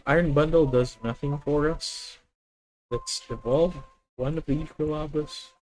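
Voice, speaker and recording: In this live deck-test stream, a man with a Filipino accent works through his card game moves aloud, carefully and with frequent self-corrections. His slightly high, darkish voice stays steady and a little slow, and the audio quality is poor.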